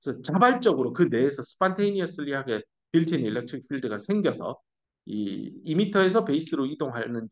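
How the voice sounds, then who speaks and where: A middle-aged male professor giving a lecture, explaining step by step and mixing English technical terms into casual asides. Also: mid-range voice. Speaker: university professor. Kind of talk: recorded lecture. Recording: dull lo-fi classroom recording.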